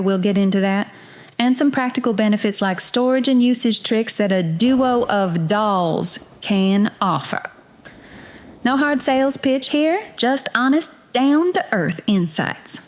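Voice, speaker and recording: A woman's voice: mid-range voice, close to an everyday voice. A woman with a Southern US accent playing a folksy, no-nonsense detective agency secretary, chatting directly to the listener in scripted noir-style podcast narration. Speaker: podcast host.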